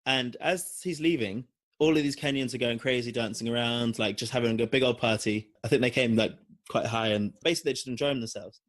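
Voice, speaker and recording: A young man from London with a London accent, telling a long personal story on a podcast with lots of fillers. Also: mid-range voice. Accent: London English. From London, England. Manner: rambling, animated storytelling with frequent fillers. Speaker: podcast co-host. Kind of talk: casual storytelling chat.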